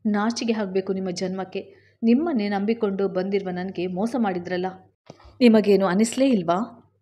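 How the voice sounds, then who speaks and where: A woman's voice: mid-range voice, little pitch movement, normal speed, dark tone, natural voice. A woman voicing an angry, betrayed young wife who accuses her husband in a raised voice. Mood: accusing.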